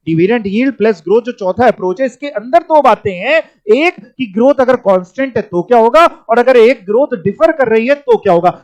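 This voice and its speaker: A man's voice: very high-pitched, no room sound. A man teaching a finance class, explaining formulas step by step, repeating key words and asking students to follow along. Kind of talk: classroom lecture. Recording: dull, dry lo-fi recording.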